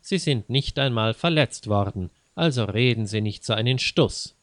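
A man's voice: mid-range voice, expressive, normal speed, no echo, close to an everyday voice. A man doing a sneering sarcastic man. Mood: mocking. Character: mocking, dry-humored grown man.

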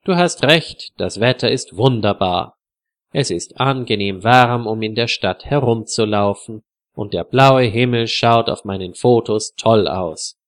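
A man voicing a polite, friendly young male visitor in a slow storybook reading. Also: lowish voice.

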